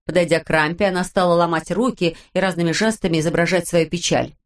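A woman narrating a children's audiobook in an even, steady manner. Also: on the low side, quick pace. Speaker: audiobook reader.

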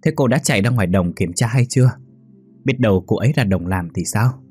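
A man with a husky voice playing a concerned older village neighbor asking questions. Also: on the low side, brisk, darkish tone, no echo, faint music behind.

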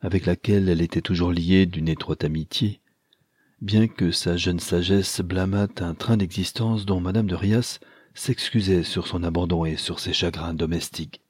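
A man reading a classic novel aloud as a narrator, measured and even. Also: sits low, slightly rough, no room sound, clean studio sound. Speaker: audiobook narrator. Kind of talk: scripted narration.

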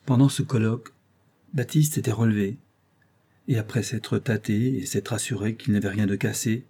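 A man narrating a classic tale as an audiobook reader, in a measured storytelling delivery. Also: lowish voice, mellow, slightly rough. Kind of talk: scripted narration.

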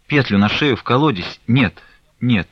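A man's voice: medium pitch, animated, quick pace, dry recording, natural voice. A man reading aloud voices a desperate young woman who cries out in despair, on a dull lo-fi recording. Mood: frantic. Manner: frantic, desperate outbursts.

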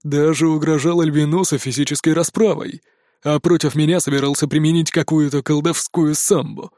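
A man's voice: fairly high pitch, steady tone, brisk, darkish tone, no echo, studio quality, natural voice. A man doing a surly young wolf cub. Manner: snappish, surly. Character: sulky hot-tempered young male wolf cub.

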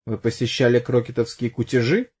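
A man's voice: medium pitch, fairly even intonation, a little fast, a little mellow, slightly rough, close to an everyday voice. Man voicing a pushy cop who keeps needling, sarcastic and blunt. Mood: probing. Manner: pressing, mocking, blunt. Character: pushy sarcastic middle-aged police detective.

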